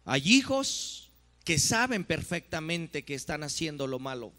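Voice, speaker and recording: Slow, bright-voiced preaching man. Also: on the high side, big pitch swings. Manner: emphatic, drawn-out preaching. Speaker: pastor. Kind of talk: sermon. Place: church.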